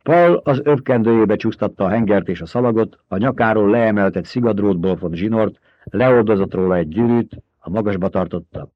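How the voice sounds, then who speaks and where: A man narrating a novel aloud at a measured pace, dropping low on the speech tags. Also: no echo, muffled recording. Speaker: audiobook narrator.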